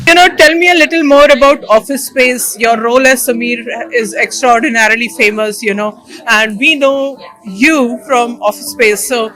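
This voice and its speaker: A woman's voice: on the high side, moderate pace, sharp tone, faint music behind, low-quality recording. A woman hosting a casual on-camera interview. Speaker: interviewer and host.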